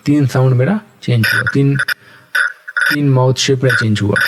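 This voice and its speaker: A man teaching animation software step by step in a patient, explanatory way, often checking in with his viewers. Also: medium pitch, moderate pace. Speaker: animation tutor. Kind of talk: screen-recorded software tutorial.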